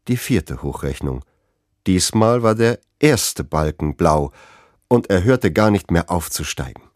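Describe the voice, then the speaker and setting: Brief: male literary reader, lively dramatic delivery, very dry close sound. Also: low voice, a little slow, no room sound. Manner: dramatic, expressive. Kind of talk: literary reading.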